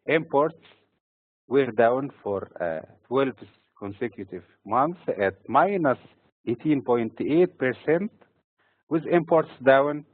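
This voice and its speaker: A man from Egypt giving scripted financial market commentary in a steady, formal delivery. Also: mid-range voice, no room sound. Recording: tinny phone-like recording.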